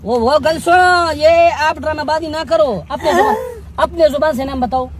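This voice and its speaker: A man's voice: extremely high pitch, normal speed. Coaxing man. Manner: coaxing and pleading, then stern and threatening. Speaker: street vlogger questioning a beggar. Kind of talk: casual street confrontation. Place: outdoors on a busy street. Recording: faint traffic noise outdoors.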